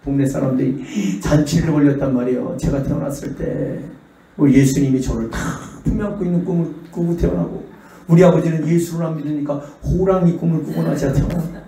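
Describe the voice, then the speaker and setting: Middle-aged male pastor, lively storyteller, fairly high voice, heard from afar in a reverberant hall. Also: a little fast, vocal fry. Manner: animated, acts out the voices in his stories. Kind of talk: revival sermon with storytelling. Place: church sanctuary. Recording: echoey church hall, distant mic.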